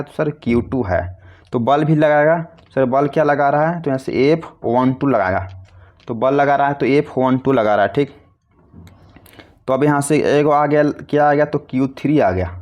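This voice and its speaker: A man's voice: mid-range voice, darkish tone. A man teaching a physics lesson, asking questions and answering them himself in a repetitive, coaxing way. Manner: calls students "babu" affectionately. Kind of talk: classroom lecture explaining a derivation.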